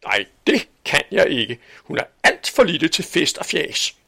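A man voicing a grumpy, strict older spinster aunt in a storybook reading, sharp and scolding. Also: a little high, wildly swooping pitch, gravelly, slightly rough, voice pushed up, heavily acted.

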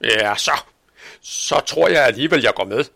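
A man voicing a grumpy, strict older spinster aunt in a storybook reading, sharp and scolding. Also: medium pitch, lively intonation, vocal fry, full character voice. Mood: grudging.

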